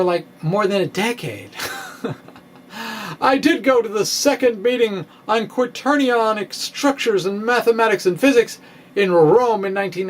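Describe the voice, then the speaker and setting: A middle-aged physics video blogger reads his science blog with dramatic flair, halting and quirky, stretching his pauses out long. His voice sits high. He's in a small indoor room lined with bookshelves, speaking into a stand-mounted microphone in front of him, with steady, clear background noise throughout.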